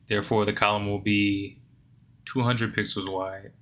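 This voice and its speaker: A sleepy man talks his way through a coding lesson in a slow, bright, somewhat low voice. He reads passages aloud and then questions himself, while keyboard typing and mouse clicks sound behind him. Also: flat delivery. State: sleepy, yawning. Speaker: coding learner. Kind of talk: think-aloud coding tutorial.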